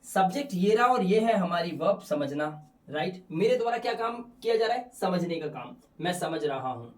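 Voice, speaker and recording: A man teaching an English grammar lesson, explaining step by step with rhetorical questions and reading example sentences slowly. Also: high voice, expressive. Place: teaching room in front of slides. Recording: roomy echo, voice from far off.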